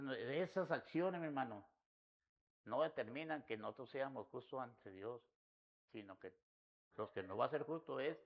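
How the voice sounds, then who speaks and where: A man's voice: mid-range voice, dull audio. A man preaching an earnest sermon to a congregation, often calling his listeners "my brother.". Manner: earnest, addresses listeners as "mi hermano".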